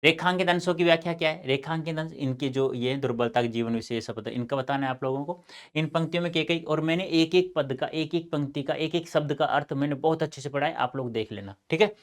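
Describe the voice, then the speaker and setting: A man teaching a Hindi exam lecture to students, explaining and mixing in lively, fatherly advice. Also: a little high, quick pace. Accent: North Indian Hindi. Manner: addresses students as beta, lively asides and advice.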